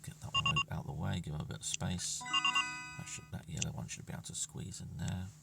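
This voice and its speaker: A man with a low, steady voice talks briskly with some creak, casually commenting on his own gameplay. He mutters to himself and often drifts into near-whispers. The mic sits at a distance, with music playing.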